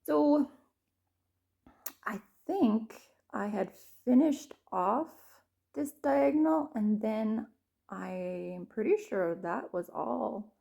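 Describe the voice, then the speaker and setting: A woman's voice: a little high, drawn-out words, creaky, dark tone. A woman showing her stitching projects in a casual chat, rambling and correcting herself, laughing at herself and sometimes dropping to a whisper. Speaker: cross-stitch vlogger. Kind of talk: casual show-and-tell.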